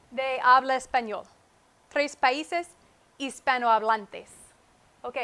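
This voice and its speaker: A woman teaches a Spanish lesson on a wireless mic. Her voice sits high and bright. She talks very slowly and repeats each key word with care. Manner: slow, deliberate, repeats key words with English glosses. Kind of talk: comprehensible-input lesson. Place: at a whiteboard. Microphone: wireless microphone.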